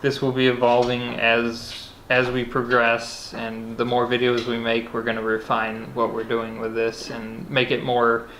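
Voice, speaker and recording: A man's voice: mid-range voice, a little slow, hardly any pauses. A man co-hosting a vlog, explaining plans for the channel in a loose, rambling way. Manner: rambling, relaxed, with restarts. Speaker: vlog co-host. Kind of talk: casual outro chat. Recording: echoey room, faint noise.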